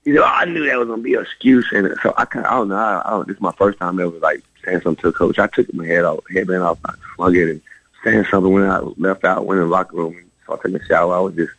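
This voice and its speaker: Deep, gravelly man rambling fast on radio. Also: dry recording, rough recording. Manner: rambling, animated, many restarts. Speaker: former college basketball player, guest. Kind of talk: storytelling in a radio interview.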